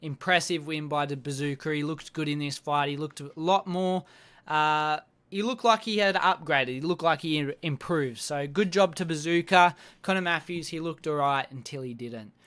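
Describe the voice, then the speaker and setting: A man's voice: fairly high pitch, moderate pace, fairly bright tone, smooth. A man recapping fight-night bouts in casual chat, blunt and swearing constantly as he rants at the fighters. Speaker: MMA recap host.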